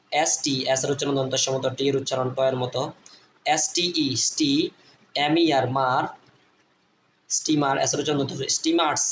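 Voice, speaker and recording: A man teaching an English reading lesson in Bengali with a Bangladeshi accent, spelling out letters slowly and repeating each syllable. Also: mid-range voice, a bit bright. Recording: echoey room with faint ambient noise.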